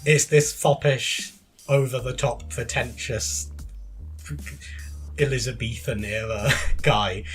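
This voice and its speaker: A man's voice: medium pitch, takes it slowly, long pauses, faint music behind. A man co-hosting a podcast in casual chat about video games, chatty and laughing often between sentences. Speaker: podcast co-host.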